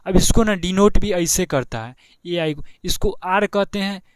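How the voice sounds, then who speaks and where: A young man with a Bihari Hindi accent teaches a maths lesson in a chatty, repetitive way, checking in with the class again and again. His voice sits a little high and sounds smooth and clear. It is recorded close and dry, with no room sound. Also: moderate pace, dry recording. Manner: chatty, repeats steps, keeps asking "ठीक है ना". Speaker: math teacher. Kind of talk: board exam tutorial.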